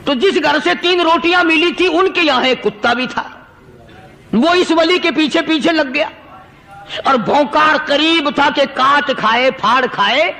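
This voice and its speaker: A man's voice: very high-pitched, vocal fry, pushed and bright, rough recording. A man preaching a storytelling sermon, impassioned and repetitive, rising into dramatic emphasis.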